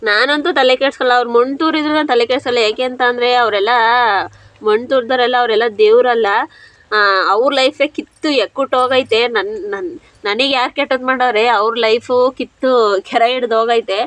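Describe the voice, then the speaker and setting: A woman's voice: a little high, steady tone, normal speed, a bit bright, dry recording. A young woman, talking frankly and chattily to her viewers while cooking. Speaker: village vlogger.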